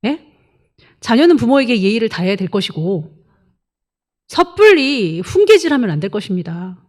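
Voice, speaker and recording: A woman's voice: a little high, sing-song, normal speed. Emphatic woman pastor preaching. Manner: emphatic, rhetorical questions, prodding "예?" tags. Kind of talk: sermon.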